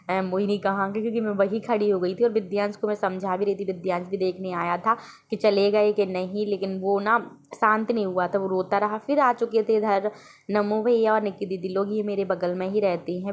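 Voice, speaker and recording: A woman's voice: mid-range voice, a little hiss or hum. A woman and mother narrating her family's day in a casual, chatty vlog voice-over. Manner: chatty, storytelling about family life.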